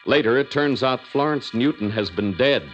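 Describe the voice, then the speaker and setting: A man's voice: medium pitch, moderate pace. A man announcing and recapping the story in the style of a 1940s radio show. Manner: even recap of the plot. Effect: old radio show broadcast. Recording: dull old radio broadcast with music behind.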